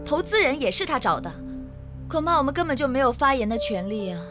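An actress playing a sweet, earnest young daughter in a television drama. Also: female voice, high-pitched, sing-song, fast, over music. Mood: earnest, concerned. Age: young adult.

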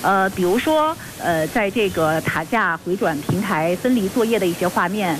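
A woman reporting live from outdoors as a news correspondent, speaking earnestly and formally with hesitant pauses as she improvises. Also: mid-range voice. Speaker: field reporter for a radio broadcast. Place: outdoors at a launch site. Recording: noisy outdoor live feed with steady hiss.

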